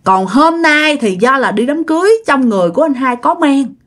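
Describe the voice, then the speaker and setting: A woman's voice: high-pitched, expressive, fairly quick, fairly bright tone. A woman telling a ghost story in a conversational way, speaking straight to her listeners. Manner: conversational, addresses listeners directly. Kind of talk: spoken ghost story narration.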